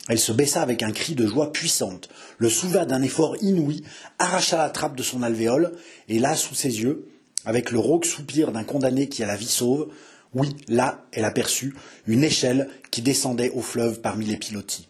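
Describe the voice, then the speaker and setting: A man's voice: medium pitch, moderate pace, husky. A man reading an adventure novel aloud in a dramatic narrating style. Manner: dramatic, builds intensity. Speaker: audiobook narrator.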